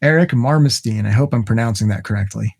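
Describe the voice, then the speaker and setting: A man's voice: medium pitch, quick pace, vocal fry, a little mellow. A man hosting a podcast in casual conversation, introducing a guest with jokes and frequent laughs. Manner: joking, laughs often. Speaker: podcast host. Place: home in Massachusetts.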